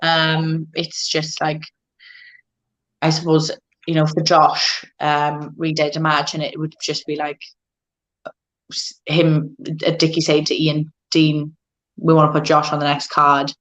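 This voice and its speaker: A woman's voice: deep voice, monotone, unhurried, a bit bright, low-quality recording. A woman, answering casually as an interview guest, thinking aloud a little hesitantly. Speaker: guest, MMA fighter.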